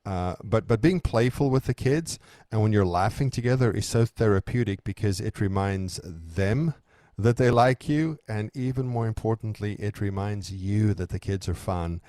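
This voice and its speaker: A man from South Africa co-hosts a relaxed discussion in a very low, warm voice. He talks things through thoughtfully, often restarting phrases. The sound is dry and close. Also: moderate pace, no echo. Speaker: podcast co-host. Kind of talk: conversational discussion.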